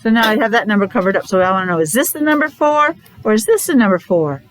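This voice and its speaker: A woman with a mid-range voice and lively intonation leads young children through a counting lesson as their preschool teacher. She is encouraging and asks lots of questions, pausing after each. The recording is low quality, with a little hiss or hum.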